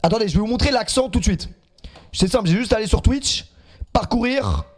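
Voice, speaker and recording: A man's voice: high-pitched, expressive, brisk. A man in his twenties streaming live, reacting to clips and chatting in a teasing, self-mocking way.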